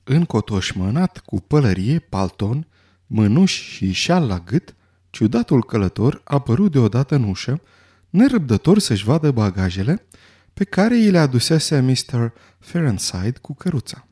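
A man narrating a story in a scripted audiobook reading, expressive and dramatic. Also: medium pitch, breathy edge.

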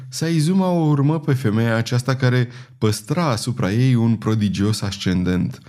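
A man narrating an audiobook in a measured, steady literary reading. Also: medium pitch. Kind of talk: scripted narration.

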